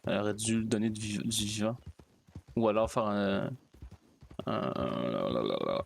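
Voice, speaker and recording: Guy streaming a game, low voice, chatty and halting. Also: monotone. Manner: rambling, halting, with restarts and fillers. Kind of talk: casual out-of-character chat while gaming.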